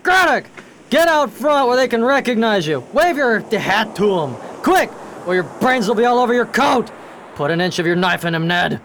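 An actor playing a brutal, hot-tempered pirate captain in a period radio drama, barking threats and orders. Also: male voice, very high-pitched, big pitch swings, normal speed, a bit bright, slight background noise, heavily acted. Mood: menacing, commanding.

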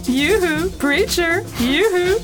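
A woman's voice: extremely high pitch, lively intonation, takes it slowly, over music, exaggerated voice. Sadie, a flirty bar-room tease played by a woman. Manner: flirty, teasing, loud. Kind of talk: radio play acting.

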